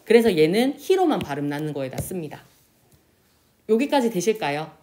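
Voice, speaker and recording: A woman teacher giving a classroom lesson, asking questions and answering them herself, and drawing out example words slowly. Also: lowish voice, a little hiss or hum. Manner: lively, pronounces example words slowly and drawn out. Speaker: Korean language teacher. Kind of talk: classroom lecture.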